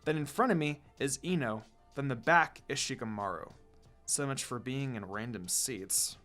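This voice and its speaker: This fanfiction reader, a man, narrates a fan-written story in a dramatic first-person style. His voice sits at medium pitch with a fairly bright tone and a normal speed, backed by music.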